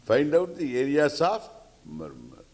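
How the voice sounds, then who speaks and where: A man with an Indian accent delivers a spiritual discourse at an unhurried pace. His pitch moves up and down in a very lively way. He teaches playfully, circling back on phrases and slipping into the part of imagined questioners. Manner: halting, repeating phrases for emphasis.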